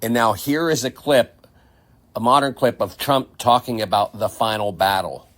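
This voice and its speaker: A man's voice: medium pitch, moderate pace, fairly bright tone, slight background noise. A man giving casual commentary on clips, talking loosely to his viewers. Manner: loose, chatty, addressing viewers. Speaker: video commentator.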